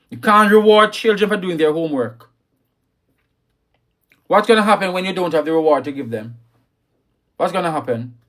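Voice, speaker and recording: Emphatic, scolding male livestream host. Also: a little high. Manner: emphatic, repeats key lines, scolding; reads out viewer comments. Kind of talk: live talk on parenting.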